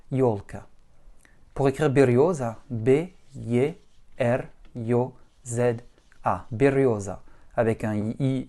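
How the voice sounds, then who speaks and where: Male language teacher, unhurried, warm low tone, spells words out one letter at a time. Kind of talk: slow spelled-out lesson.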